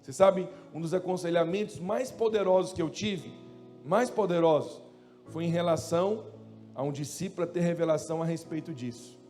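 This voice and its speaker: A man's voice: fairly high pitch, normal speed, darkish tone. A man with a Brazilian accent, a pastor preaching a sermon in a chatty, storytelling way with humor. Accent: Brazilian Portuguese. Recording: long hall reverb with faint music.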